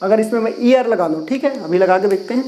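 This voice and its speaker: Animated and fast-talking, a man with a high, warm voice explains English grammar to his class in Hindi. He fires off questions, repeats the key words, and writes and erases on a board, all in poor audio.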